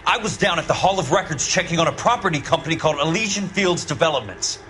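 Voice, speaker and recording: Tough American investigator, very animated delivery. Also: male voice, a little high, fast talker, a little hiss or hum. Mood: demanding, angry. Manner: blunt, sardonic, confrontational. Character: tough, sardonic male war-veteran investigator, hard-boiled and confrontational. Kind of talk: hard-boiled crime game acting.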